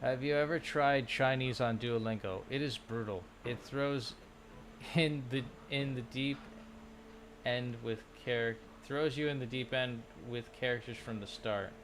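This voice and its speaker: Slow-talking guy vlogging his lessons: halting, self-correcting, easygoing pitch, faint hiss behind. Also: fairly even intonation, a bit bright. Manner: halting, thinks aloud with many restarts. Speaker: language-learning vlogger. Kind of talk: casual livestream chat while doing lessons.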